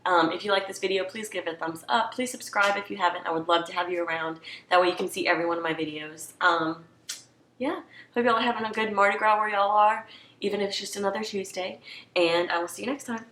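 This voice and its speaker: A woman's voice: lowish voice, steady tone, fast, fairly bright tone. Chatty woman in an echoey room. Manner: rambling, chatty, filler-heavy. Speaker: beauty vlogger. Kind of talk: casual product review chat.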